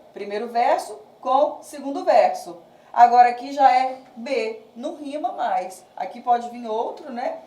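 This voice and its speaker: Brazilian woman teacher, slightly high and mellow, patient explainer, recorded from a distance in a reverberant room. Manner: patient, explains step by step, checks in with "né?" and "tá?"; counts syllables slowly and reads verses aloud. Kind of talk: recorded remote class lesson. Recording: echoey room, distant mic.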